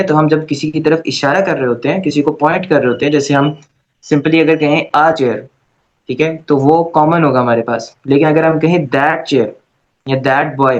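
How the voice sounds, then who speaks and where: A man's voice: on the high side, a little fast, highs cut off. A man teaching an Arabic grammar class, explaining patiently and often checking in with his students. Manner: patient, repeats "okay" to check understanding. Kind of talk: online class lecture.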